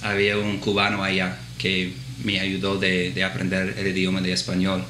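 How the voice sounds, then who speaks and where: In a clinic office interview, a man in his thirties who works as a physician assistant replies in Spanish learned in the Dominican Republic, with an American accent; English is his native tongue. His low voice is monotone yet bright and forceful at normal speed, marked by hesitations, fillers, and restarts. The low-quality audio sounds roomy, with a little hiss or hum.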